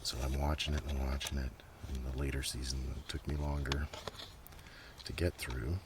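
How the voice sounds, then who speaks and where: This is a soft-spoken ASMR show-and-tell: a man with a bass voice and flat delivery talks at normal speed, quiet and occasionally whispering, rambling casually about what he's showing. The recording was made outside in a gentle breeze, with clearly noisy ambient sound.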